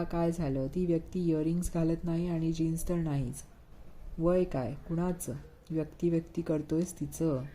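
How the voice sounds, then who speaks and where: A woman's voice: low-pitched, dark tone. A woman reading a bedtime story aloud, voicing the characters with light expression.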